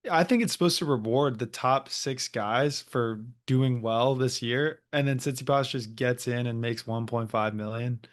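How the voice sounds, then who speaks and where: A man's voice: medium pitch, moderate pace, few pauses. A man co-hosting a tennis podcast in a loose, casual chat, laughing often. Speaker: podcast co-host.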